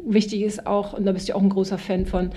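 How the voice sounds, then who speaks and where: A woman's voice: mid-range voice, little pitch movement, fast talker, warm tone, husky. A woman co-hosting a podcast in casual conversation, encouraging and addressing listeners directly. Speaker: podcast co-host.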